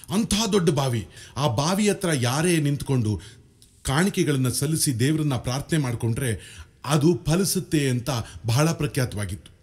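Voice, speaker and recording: A man telling jokes on a comedy cassette, chatty and storytelling. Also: a little high. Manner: chatty joke-telling, shifting into voices. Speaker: comedian and mimic.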